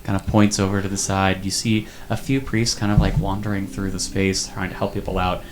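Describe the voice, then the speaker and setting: A man narrating a tabletop game as game master, describing scenes in a halting, descriptive way. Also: low voice, flat delivery, faint music behind.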